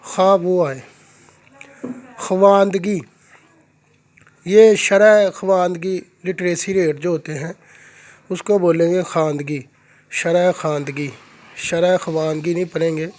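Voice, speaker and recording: Slow, deliberate male Urdu teacher. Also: high-pitched, darkish tone. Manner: slow, deliberate, repeats each word. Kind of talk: pronunciation lesson.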